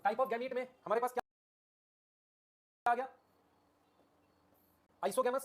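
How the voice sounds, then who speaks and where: A man teaching a biology class live online, repeating key terms and asking "okay? clear?" while calling his students children. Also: very high voice, steady tone, takes it slowly. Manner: addresses students affectionately as children.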